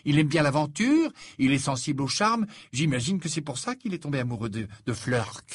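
A bold, outspoken teenage girl, as a man reads her aloud, blunt and scornful in a raised, lively voice. The voice has a husky, dry edge. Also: a little high, fairly quick, no room sound, voice pushed up.

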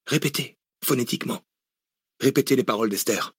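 A man's voice: mid-range voice, fairly quick, husky, no echo. A man voicing a wounded, weary male researcher who groans and pleads, in a dry audiobook reading. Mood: urging.

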